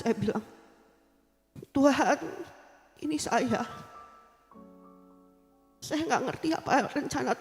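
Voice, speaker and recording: A woman telling her personal faith testimony in a casual, earnest way, often repeating "I said" as she tells her story. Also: on the high side. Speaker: church member giving testimony. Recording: long hall reverb with soft music behind.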